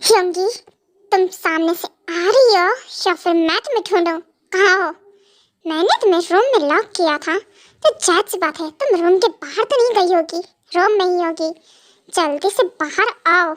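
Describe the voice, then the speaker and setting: In an amateur fan dub, a woman with a very high voice voices a possessive, menacing young mafia husband. At a moderate pace, she delivers cold, mocking threats and commands.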